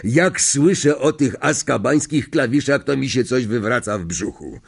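A man's voice: mid-range voice, expressive, normal speed, vocal fry, slightly rough, voice pushed up. A man voicing a terse, uneasy older bus driver in an audiobook. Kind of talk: audiobook character voice.

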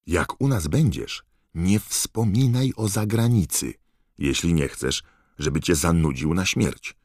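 A man's voice: sits low, measured pace, no room sound, clean studio sound, pitched above the performer's own voice, exaggerated voice. A man voicing an eager, chatty teenage boy reading out his own letter in an audiobook. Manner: excited, rattling on.

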